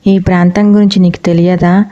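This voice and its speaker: A woman voicing an eerie old ghostly man who calmly gives ominous warnings, in a dull lo-fi recording. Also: fairly low pitch, a little fast, close to an everyday voice.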